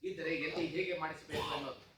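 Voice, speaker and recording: A man playing a bright, emphatic father. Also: fairly high pitch, steady tone, very fast, creaky. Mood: frustrated. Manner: emphatic, pleading. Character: frustrated, earnest father. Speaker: father of a deaf child. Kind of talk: stage play acting. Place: stage in a hall. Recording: echoey hall from far off, faint hiss.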